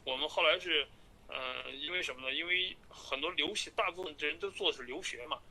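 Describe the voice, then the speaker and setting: A man working as an immigration agent, heard through a recorded phone call, pitching his services. He fills his talk with hesitant filler sounds while he reassures the listener. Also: brisk, vocal fry, bright, forceful tone, slight background noise.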